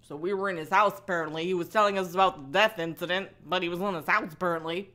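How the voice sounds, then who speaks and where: On her livestream, a woman with a voice on the low side cold-reads aloud at a quick pace. Her delivery is animated and sarcastic, peppered with giggles, mocking asides, and casual swearing.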